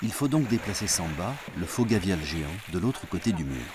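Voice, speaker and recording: Man, low-pitched voice, scripted nature documentary narration, insects and animal sounds behind. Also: very animated, fairly quick, background noise.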